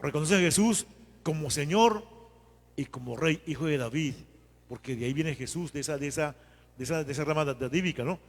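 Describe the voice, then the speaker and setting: Priest preaching, kinda high voice, church echo, chatty and lively. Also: male voice, a little fast. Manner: conversational, animated retelling with acted quotes. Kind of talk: homily.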